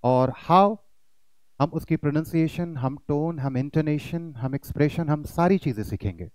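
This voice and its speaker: A man's voice: a little high, normal speed, darkish tone, dry recording, low-quality recording. A man teaching pronunciation in an online lesson, addressing his students as kids and demonstrating rising and falling intonation.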